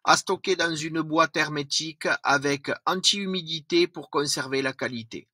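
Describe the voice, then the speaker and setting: A man presenting a product review vlog, reading through points with slips and quick self-corrections. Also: a little high, pushed and bright, no echo.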